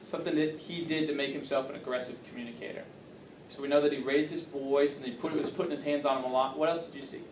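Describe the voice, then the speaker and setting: A man's voice: mid-range voice, steady tone, quick pace, slight background noise. Guy teaching a class, questions n praise, echoey room, mic far away. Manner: upbeat, questioning, praising answers. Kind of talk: classroom lesson.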